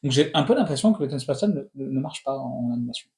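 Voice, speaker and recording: A man's voice: mid-range voice, lively intonation, a little mellow. A man in his thirties hosting a casual film critique, talking in opinionated bursts full of restarts. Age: 30s. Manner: opinionated, talks in quick restless bursts with many restarts. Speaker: film review host.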